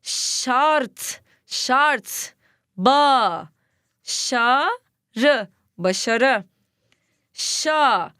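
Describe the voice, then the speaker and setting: A young woman teaching first graders to read. She sounds cheerful and speaks slowly, repeating each word aloud for the children. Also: sits high, lively intonation, a bit bright, clean tone, no echo, studio quality. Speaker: primary school teacher. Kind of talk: children's reading lesson.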